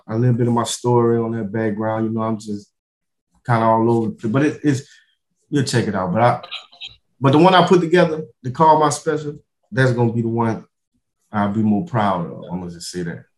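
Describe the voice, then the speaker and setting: A male comedian talking as a guest in a loose, slangy conversation. He repeats phrases as he works toward his point and peppers it with bro and you know, in an average-pitched voice. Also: brisk, reverberant, poor audio. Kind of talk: casual slangy chat.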